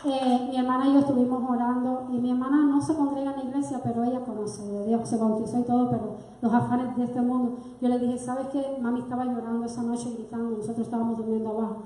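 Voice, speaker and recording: A woman's voice: on the high side, flat delivery, quick pace, hardly any pauses, dark tone. A woman, giving an earnest, emotional personal testimony to her church congregation. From Cuba. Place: church sanctuary. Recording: very echoey church hall.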